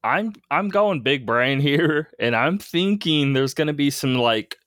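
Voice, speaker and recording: A man co-hosting a casual gaming podcast in a relaxed way, saying "like" and "dude" a lot. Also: a little high, measured pace, no echo, studio quality. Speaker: podcast co-host. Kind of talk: casual chat.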